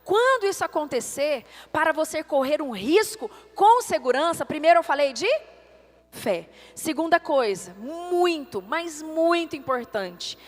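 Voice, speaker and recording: High-voiced woman pastor preaching in a hall. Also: animated, unhurried. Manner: passionate preaching, rising to near shouts, direct questions to the congregation. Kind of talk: sermon. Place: church sanctuary. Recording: long church hall reverb with faint music.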